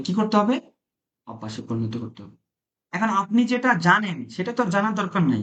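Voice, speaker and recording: A man's voice: sits high, a bit bright. A man teaching a classroom language lesson, asking his students questions and repeating their answers. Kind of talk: classroom lesson, live-streamed. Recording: dull lo-fi classroom audio.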